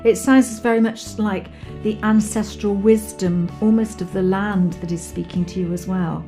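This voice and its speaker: An enthusiastic woman hosts a radio interview, gushing over her guest as she asks her questions. Her voice is mellow and dark, with faint music in the background. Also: mid-range voice, fairly even intonation, moderate pace. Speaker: radio host.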